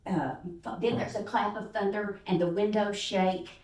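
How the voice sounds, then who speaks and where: This older woman from Texas speaks at medium pitch and a little slowly. As a guest preacher in a church sanctuary, picked up with roomy, distant sound, she tells animated stories with fillers, performing the voices of those involved.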